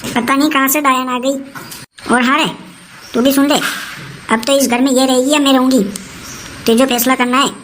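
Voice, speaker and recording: This is a bossy old mother-in-law voiced by a woman in a comic skit. She nags and threatens in a rustic dialect, with a high voice. There is a faint hiss behind her. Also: steady tone, moderate pace, long pauses, fairly bright tone, poor audio. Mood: scolding.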